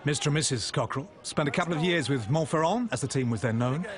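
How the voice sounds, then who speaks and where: A man's voice: on the high side, fast talker. A man narrating a sports feature as scripted voice-over, with a wry, playful delivery and dry asides. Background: music bed.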